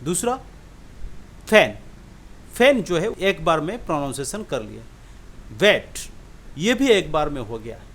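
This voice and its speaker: A man teaching an English lesson, sounding out example words slowly and often asking the listener if it is clear. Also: fairly high pitch, big pitch swings, a bit bright. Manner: repeats example words slowly, checks understanding with questions. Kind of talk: classroom-style lesson explaining syllables.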